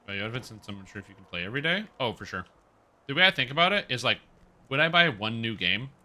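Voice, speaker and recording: A man livestreaming a game on headset audio, chatting casually with viewers and reacting loudly to the gameplay. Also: mid-range voice, sing-song, quick pace. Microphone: livestream headset mic.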